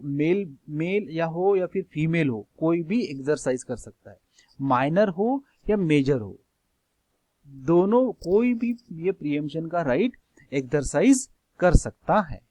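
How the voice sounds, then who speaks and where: A man's voice: fairly high pitch, expressive, a little slow, a little mellow, no echo, poor audio. A man teaching a law lecture, explaining step by step, repeating key terms and mixing in English phrases.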